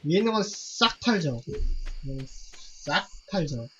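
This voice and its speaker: Woman streamer on a live game broadcast; low-pitched, chatty muttering and swearing, noisy line. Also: very animated, slow, bright, forceful tone, muffled recording. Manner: rambling self-talk with casual swearing.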